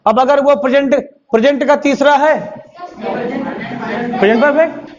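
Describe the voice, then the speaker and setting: A man's voice: extremely high pitch, unhurried. A male teacher, giving a live classroom lecture, drilling and coaxing his students and scolding them to repeat aloud. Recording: muffled classroom recording with steady noise.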